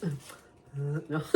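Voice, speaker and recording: A woman hosting a casual food review vlog, chatty and excitable, talking straight to her viewers. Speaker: vlog host.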